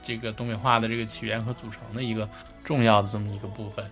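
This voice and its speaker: A man with a Northeastern Chinese accent chatting casually as a podcast co-host, explaining in a halting way and often repeating his phrases. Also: on the low side, little pitch movement, a bit bright, faint music behind.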